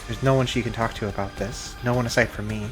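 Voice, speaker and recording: A man streams a game, reading the story narration aloud in an easygoing, mid-pitched voice. Game music plays clearly under his reading. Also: steady tone. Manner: easygoing, quick to laugh.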